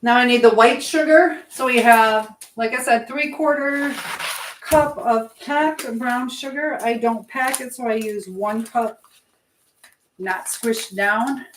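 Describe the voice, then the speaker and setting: Speaking slowly in a voice on the high side, a woman bakes in her home kitchen and chats live with her audience. She rambles casually while responding to viewers, and the recording carries echo and clear background noise.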